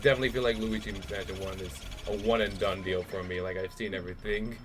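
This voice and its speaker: A man's voice: low-pitched, steady tone, fast, background noise. A man giving casual, wry commentary while playing a video game with friends. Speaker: let's play commentator.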